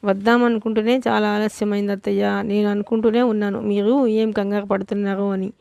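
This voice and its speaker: A gentle young wife who speaks meekly and apologizes, as a woman narrator reads her. Her voice is level and dry, close to the mic, from an audiobook. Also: mid-range voice, little pitch movement, fairly quick, vocal fry, smooth, no echo, lo-fi sound, lightly acted. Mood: apologetic. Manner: meek, apologetic.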